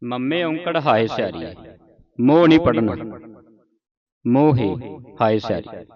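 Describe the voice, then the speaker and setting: A man's voice: medium pitch, expressive, slow. A man teaching careful recitation to a class, spelling words out letter by letter and often asking whether they follow. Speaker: Gurbani pronunciation teacher. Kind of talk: slow, patient recitation lesson. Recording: muffled lo-fi with class murmur. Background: a group of learners.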